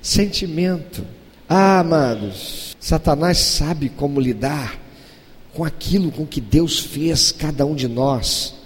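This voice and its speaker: A preacher in his fifties delivers an impassioned sermon in a high, lively voice. He swings from loud exhortation to hushed asides, and a long reverb from the church hall trails his words. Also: takes it slowly. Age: 50s. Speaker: pastor.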